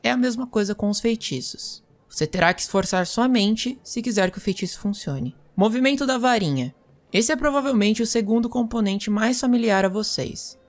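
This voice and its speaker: A woman playing a magic teacher, lecturing students in a measured, explanatory way. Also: fairly high pitch. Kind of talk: scripted role-play lecture.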